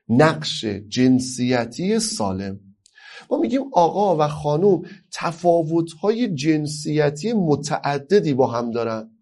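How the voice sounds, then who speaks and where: A man from Iran gives a lecture on family life. He is emphatic, asks rhetorical questions and answers them himself, and draws key phrases out slowly before speeding up. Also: on the high side, a little mellow.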